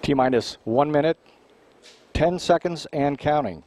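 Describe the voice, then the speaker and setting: A man giving formal, measured launch countdown commentary in a technical announcer's manner. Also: on the high side, a little mellow, no room sound.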